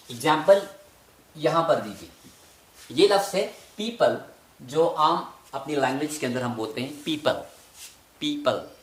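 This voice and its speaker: Male language teacher, patient, drills words slowly, slightly high voice, echoey room. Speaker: English teacher. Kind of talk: spoken language lesson. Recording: roomy echo.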